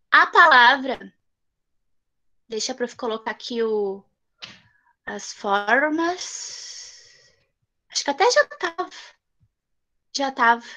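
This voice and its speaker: A woman leads a video-call lesson for young children. Her high, bright voice is affectionate and coaxing, and she drags out syllables to make each sound clear. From southern Brazil. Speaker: primary school teacher. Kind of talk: online class with young children.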